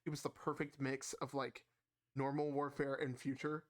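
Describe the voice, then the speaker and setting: A man's voice: medium pitch, level tone, moderate pace. A man co-hosting a casual gaming podcast, rambling with lots of fillers and restarts. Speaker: podcast co-host.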